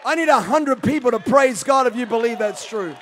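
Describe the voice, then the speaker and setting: A high-pitched man in his thirties preaches with fervour on a church stage, dropping to near-hushed phrases and then climbing to shouts. His voice rings through a long hall reverb from a handheld mic. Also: animated, brisk, a faint crowd. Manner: passionate, swings between hushed and shouting. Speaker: pastor. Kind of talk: sermon.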